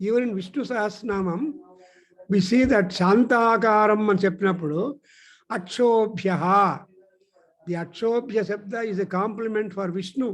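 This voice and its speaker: A man gives a spiritual discourse in a high voice, moving at a very slow, deliberate pace. He teaches through stories and pauses with "uh" as he gathers his thoughts. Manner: explanatory storytelling, pausing with "uh". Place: teaching centre.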